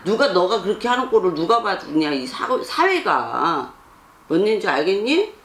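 A fortune teller's scolding counsel session: she speaks bluntly to a young man, repeatedly pressing him to answer. Her medium-pitched, slightly bright voice moves at a moderate pace with big swings in pitch, and the recording sounds roomy with faint noise behind it.

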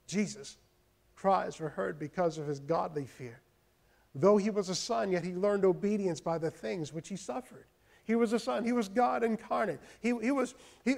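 A man preaching a sermon, animated, acting out loud pleading prayers and calling out to his congregation with repeated phrases. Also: high voice. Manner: repeats words, calls out to congregation. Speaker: pastor.

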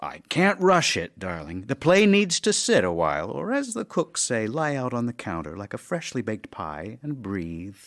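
Very animated and rarely pausing, a male actor with a mid-range voice moves at a moderate pace as a witty, weary, affectionate middle-aged playwright. The audio drama is made of love letters, and his manner is dry, teasing, melancholy and theatrical. Teasing tenderness colors the mood.

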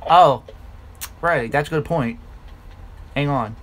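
A man chatting casually while gaming, excitable and swearing freely in banter with friends. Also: on the high side, slow pace, a little hiss or hum. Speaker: gamer.

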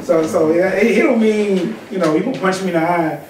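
A man's voice: high voice, a little fast, a little mellow. A man speaking as a pastor in informal church talk, exhorting and seeking agreement from his listeners. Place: small indoor meeting room. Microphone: distant camera microphone. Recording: echoey room, far microphone, clear background noise.

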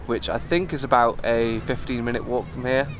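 A young man in his twenties, chatting in a relaxed, upbeat way as he vlogs outdoors with a camera held at arm's length. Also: mid-range voice, moderate pace, slight background noise. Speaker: travel vlogger. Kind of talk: casual travel vlog. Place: outdoors in a park and jungle trail.

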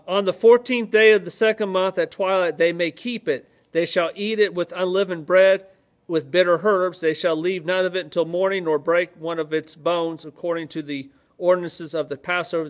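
A man, a pastor teaching from the Bible in a casual, joking way and reading scripture aloud with more emphasis. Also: high-pitched. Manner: conversational, joking asides, reads scripture aloud with rising emphasis. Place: office-like room with ceiling lights, indoors.

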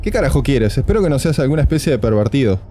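Man voicing a grumpy male camper, blunt and suspicious, mellow tone, faint noise behind, game dialogue read aloud. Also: mid-range voice, sing-song, racing, close to an everyday voice. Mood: gruff, wary. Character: grumpy wary adult male camper in the woods.

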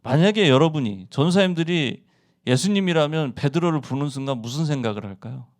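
A man's voice: a little high, animated, a little fast. A male pastor preaching a sermon who keeps asking the congregation questions and answering them himself.

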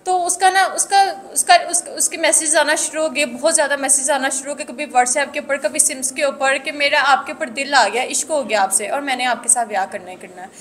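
A woman's voice: brisk, hardly any pauses, a bit bright. A woman, telling her story in an interview, anxious and repetitive with many restarts. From Pakistan. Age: 20s. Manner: high-pitched, earnest. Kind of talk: recounting harassment in an interview.

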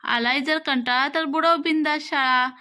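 A woman voicing a stubborn, playful little girl in a storybook reading, speaking in slow, sing-song rhymes. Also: high voice, fairly even intonation, sharp tone. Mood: coaxing.

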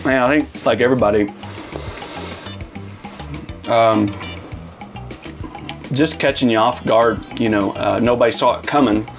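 A male pastor from Arizona talks through his thoughts in a relaxed, earnest way, stringing long sentences together with plenty of fillers. His voice sits at an ordinary middle pitch, with faint music underneath. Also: unhurried, creaky, pauses often. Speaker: lead pastor. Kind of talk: casual interview chat.

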